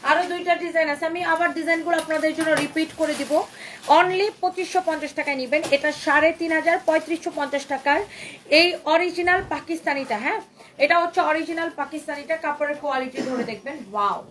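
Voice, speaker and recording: High-voiced Bangladeshi woman selling dresses live. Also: quick pace, fairly bright tone. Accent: Bangladeshi Bengali. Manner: repetitive, coaxing, mixes in English phrases. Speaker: online clothing seller. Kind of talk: live-stream sales pitch. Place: clothing shop. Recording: noisy live stream.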